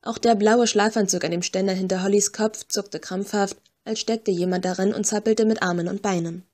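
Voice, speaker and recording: A woman narrating a first-person audiobook with measured, tense storytelling. Her voice sits at a middle pitch for a woman. She reads steadily through the scene. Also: steady tone, darkish tone.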